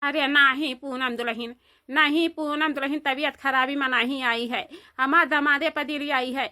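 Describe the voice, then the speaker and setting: A high, bright Awadhi voice for a lovesick village mother who pleads in thick rustic dialect, as a woman acts her out. She sounds like a comic cartoon matriarch. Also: steady tone, normal speed. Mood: pleading. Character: lovesick older village mother chasing her son-in-law. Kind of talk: cartoon voice acting.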